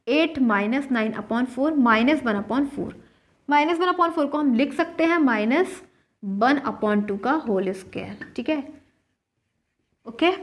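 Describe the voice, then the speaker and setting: A woman gives a board-work maths lesson. She talks through each step and keeps asking and answering her own questions. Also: high-pitched. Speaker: maths teacher.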